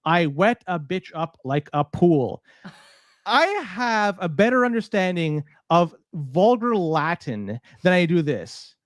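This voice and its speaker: Male podcast co-host from Toronto, lively and high-pitched, exasperated, on a dry close mic. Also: slow pace, no echo. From Toronto, Canada. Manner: animated, swearing, exasperated. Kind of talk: casual podcast banter.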